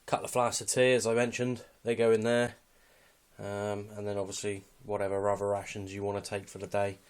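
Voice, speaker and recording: His voice sits on the low side, monotone yet clear and resonant, and he speaks a little fast. This British man is a hobbyist giving a casual, unscripted tour of his gear, staying understated and matter-of-fact with some hesitance.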